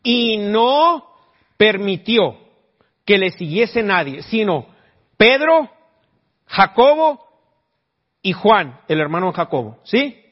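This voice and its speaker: A man's voice: high voice, big pitch swings, takes it slowly, pauses often. A man preaching a sermon in a conversational way, often quizzing the congregation. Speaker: pastor. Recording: dull lo-fi recording.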